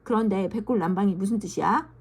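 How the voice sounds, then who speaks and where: A woman's voice: mid-range voice, fast, slightly rough. A woman voicing a blunt young schoolgirl classmate, questioning in a slightly annoyed way.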